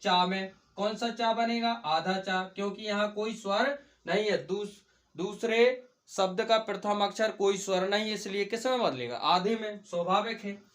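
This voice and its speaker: A high-voiced man teaching a grammar class in an echoey room. He drills each point by asking a quick question and answering it himself. He repeats every step patiently. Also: a bit bright, distant mic. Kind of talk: Hindi grammar lesson.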